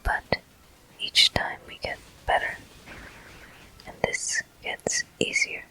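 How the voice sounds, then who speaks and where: In a close-miked whisper, an ASMR walkthrough host comments on a game at a slow, unhurried pace with frequent pauses. Her or his tone is sharp, and the recording is rough.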